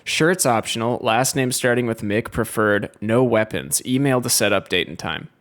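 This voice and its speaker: A man's voice: mid-range voice, normal speed, fairly bright tone. A man co-hosting a casual stream, wryly reading things aloud and joking with his co-host. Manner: wry, reads aloud with amused emphasis.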